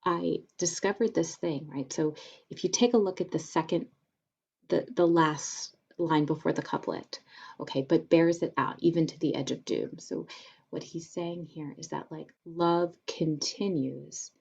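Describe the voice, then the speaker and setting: Low-voiced woman teaching in a casual tone. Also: fairly even intonation, measured pace, gravelly, a little mellow, breathy edge, muffled recording. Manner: casual, with many fillers and "like". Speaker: theater company teacher leading a presentation. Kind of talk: informal lecture with readings of sonnets.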